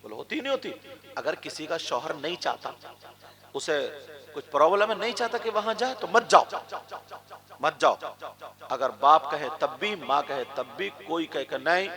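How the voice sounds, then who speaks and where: A male preacher from India giving a sermon, telling stories with jokes and stretching out shouted phrases for emphasis. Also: a little high, lively intonation. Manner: storytelling with jokes, then drawn-out shouted emphasis. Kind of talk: Urdu religious sermon to a crowd.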